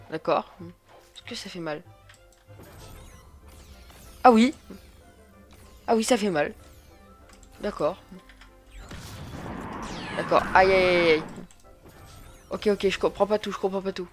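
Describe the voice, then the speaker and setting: Excitable male gaming commentator. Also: high voice, slow, long pauses, faint music behind. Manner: excitable, chatty, repeats words. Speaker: gaming video creator. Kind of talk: let's play commentary.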